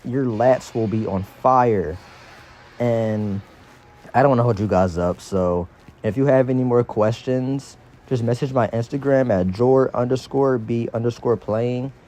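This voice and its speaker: A man's voice: mid-range voice, measured pace, dark tone. A man giving a casual, slangy exercise tutorial as a fitness instructor, his speech slightly impeded by dental braces.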